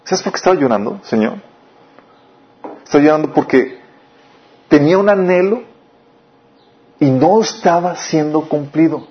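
A man preaching a sermon, often asking the listeners questions and swinging between raised and lowered delivery. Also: moderate pace, long pauses. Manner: questioning the listeners often, lively rises and drops. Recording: dull lo-fi recording.

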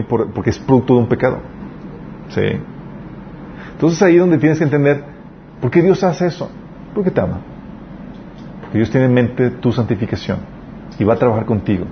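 Male preacher, earnest, chatty sermon with personal stories, mid-pitched, dull lo-fi recording, faint hiss.

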